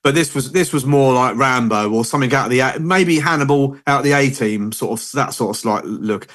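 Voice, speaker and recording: A man chatting on a podcast, his voice sitting in an ordinary middle register. He wanders through long, chatty anecdotes in a relaxed, conversational way. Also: mid-range voice, a little fast. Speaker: podcast host. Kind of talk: casual chat.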